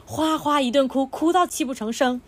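High-voiced young woman telling a story. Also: moderate pace. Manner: animated storytelling, acts out quoted exclamations. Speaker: podcast co-host. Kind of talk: casual chat.

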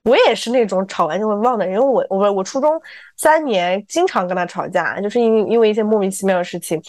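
A married woman co-hosting a podcast, telling stories in casual chat and repeating her words when she gets excited. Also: medium pitch, fast talker, no echo. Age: adult, married. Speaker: podcast co-host.

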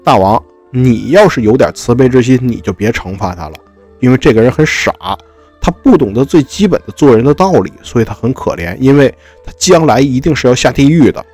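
Man doing a noble, earnest storybook deer, husky voice, faint music under it; light characterization, close to his own voice. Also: medium pitch, animated, a little fast, a little mellow. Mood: pleading. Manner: earnest, pleading. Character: noble male deer, gentle and pleading.

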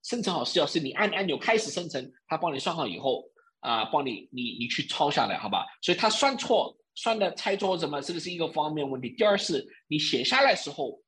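A man's voice: fairly high pitch, sing-song, fairly quick, a bit bright, slight background noise, poor audio. A man speaking Mandarin as a non-native with a foreign accent, explaining things off the cuff in a didactic way, often checking that listeners follow. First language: not a native Mandarin speaker. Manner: didactic, with frequent check-in tags. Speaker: interview guest, crypto wallet expert. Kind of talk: spontaneous explanatory talk.

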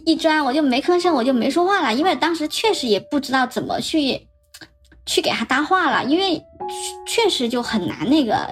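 A young woman telling her own story on a podcast, halting and often repeating words as she recounts past conversations. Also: on the high side. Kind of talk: personal storytelling.

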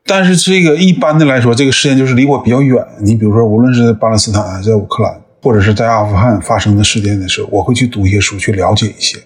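Husky, unhurried man in his fifties. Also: medium pitch. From northeast China. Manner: thoughtful, measured, with frequent hesitations. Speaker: guest. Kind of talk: conversational interview.

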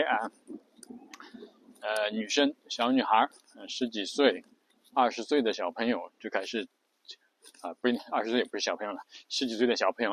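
A man casually explaining a speech habit, rambling with many fillers and stopping to demonstrate creaky, drawn-out word endings. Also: mid-range voice.

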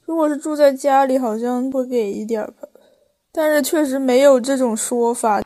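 A young woman co-hosting a podcast, with a fairly high voice and a mellow, soft tone. She speaks in a measured way and often agrees with her co-host. It is an easygoing, casual conversation. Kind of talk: casual chat.

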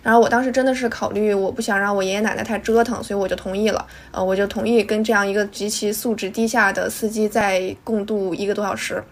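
A young woman co-hosting a podcast, telling a story in a brisk, indignant way. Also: mid-range voice, fairly even intonation. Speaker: podcast co-host. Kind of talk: casual chat.

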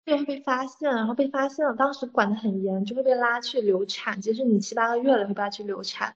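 A woman's voice: on the high side, fast. A young woman from southern Fujian with a Taiwanese-sounding southern Min accent in her Mandarin, telling personal stories in a reflective, hesitant, conversational way. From southern Fujian (Minnan), China. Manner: hesitant, reflective, mixes in English words. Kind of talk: personal storytelling in casual conversation. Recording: slightly muffled, band-limited audio.

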